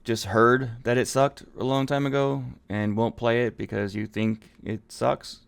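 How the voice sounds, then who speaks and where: A gravelly-voiced man co-hosts a gaming podcast and vents his opinions in bursts. His pitch is ordinary for a man, with a lot of fry in his voice. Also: level tone, unhurried. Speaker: podcast co-host. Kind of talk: casual gaming chat.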